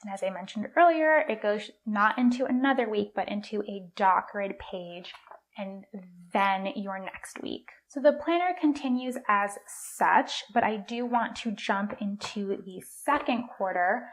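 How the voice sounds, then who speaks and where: Female vlogger, medium pitch, upbeat and conversational, reviewing product details. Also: expressive, unhurried. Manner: upbeat, chatty, enthusiastic. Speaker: planner reviewer. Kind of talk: casual product review walkthrough.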